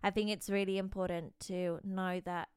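A woman's voice: mid-range voice, flat delivery, normal speed, darkish tone, clean tone, dry recording. A young woman in her twenties, co-hosting a podcast in casual, bubbly, giggly chat, recorded close on a mic. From Poland. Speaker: podcast co-host.

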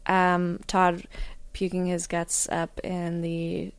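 A woman's voice: fairly low pitch, completely flat delivery, slow, creaky, clear, resonant tone, dry recording. A woman co-hosting a podcast in casual personal conversation, talking in a candid, reflective way. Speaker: podcast co-host.

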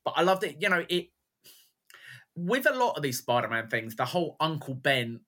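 Male podcast co-host, bright animated voice, rambling enthusiastic film talk. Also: a little high, moderate pace. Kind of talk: casual film chat.

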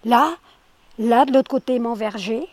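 In a casual roadside conversation, an older French villager stands by her garden and talks at an unhurried pace in a slightly high voice. She's chatty and emphatic, frequently repeating herself, and the recording has no echo.

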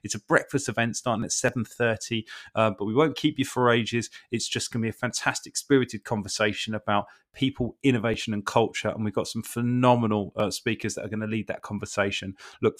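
A man reading a promotional announcement for a breakfast event in an upbeat way. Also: fairly low pitch.

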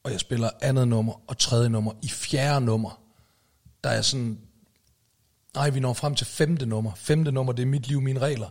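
Husky man chatting casually. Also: medium pitch, fairly even intonation. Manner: frequent tag questions and fillers, swears casually. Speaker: podcast co-host, musician. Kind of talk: casual chat.

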